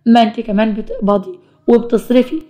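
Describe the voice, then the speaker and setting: A smug, defensive husband from an animated storybook, as a woman storyteller voices him. He talks quickly and bluntly, justifying himself. The voice sits a bit high. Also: close to an everyday voice. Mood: protesting.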